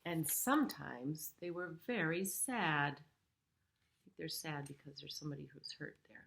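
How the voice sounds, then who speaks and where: With background noise behind her, a middle-aged woman reads aloud from a picture book for small children, giving simple asides to explain things as a preschool storyteller. Her voice sits low and unhurried, with some vocal fry.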